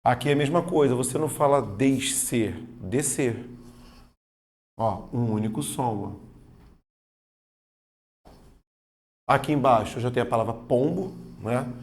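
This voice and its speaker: A man's voice: mid-range voice, moderate pace, pauses often, a little mellow. A man teaching an exam-prep grammar lesson, informal and slangy, talking straight to the student.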